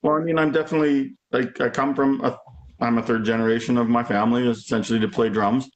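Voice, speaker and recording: On a video call with the highs cut off and a little hiss or hum, a forties-aged drummer from Alberta, Canada talks fast in a steady, mid-range voice. He's a guest in a casual chat, rambling along with lots of "you know" and "like."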